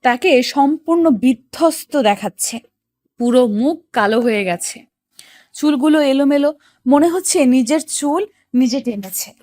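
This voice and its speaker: Actress doing a young wife, earnest, questioning, high voice, dry close mic, storytelling. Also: female voice, expressive, measured pace, mellow, no echo. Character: young wife, hurt and puzzled. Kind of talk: Bengali audio story narration and acting.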